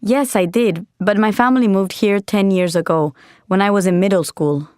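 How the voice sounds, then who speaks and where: A woman's voice: mid-range voice, moderate pace, a little mellow, clear, resonant tone, dry recording, clean studio sound, natural voice. An actress playing a helpful, upbeat young woman in a scripted textbook dialogue. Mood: cheerful.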